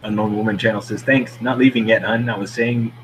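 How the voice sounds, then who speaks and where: Host, male, 40s, low voice, chatty and relaxed, reads viewer comments, faint hiss behind. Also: a little fast, poor audio. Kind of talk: casual live-stream chat.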